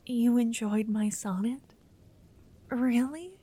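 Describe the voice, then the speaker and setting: A woman's voice: a little high, slow pace, husky. A woman voicing a shy, nervous young noblewoman in a whispered roleplay, stammering now and then. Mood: nervous whispering. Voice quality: soft whisper. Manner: hesitant, stammering.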